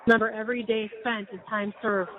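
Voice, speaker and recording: A middle-aged woman on a phone call, gently reassuring her daughter. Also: medium pitch, level tone, fast, slight background noise. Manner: soothing, reassuring. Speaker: parent on a jail call. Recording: tinny jail phone line.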